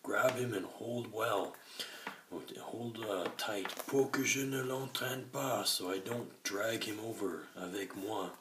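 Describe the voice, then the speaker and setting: A man voicing an urgent, brave young boy who calls out loudly and repeats each line in English. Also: lowish voice, takes it slowly, distant mic, pitched above the performer's own voice. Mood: commanding. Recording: echoey room with noise.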